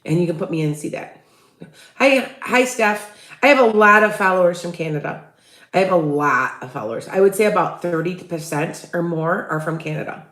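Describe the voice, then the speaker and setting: A woman with a lowish yet fairly bright voice speaks at a moderate pace in a roomy room. Hosting a casual psychic livestream in her Midwest Chicago accent, she rambles through restart-filled sentences and asks viewers for tips.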